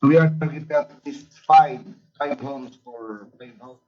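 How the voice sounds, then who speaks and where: Male parish priest, slow halting delivery, heard through a breaking-up video call with dull lo-fi sound. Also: mid-range voice, steady tone, mellow. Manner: halting, many pauses and restarts. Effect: breaking-up video call connection. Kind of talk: answering questions in an online interview. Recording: dull lo-fi call line cutting out.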